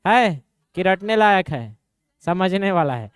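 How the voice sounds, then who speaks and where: Very animated, a young man from Chhattisgarh, India, teaches an exam coaching class in a high, smooth, slightly nasal voice with a Chhattisgarhi accent. He keeps quizzing students and answering himself, with occasional dialect, in clean studio audio without echo.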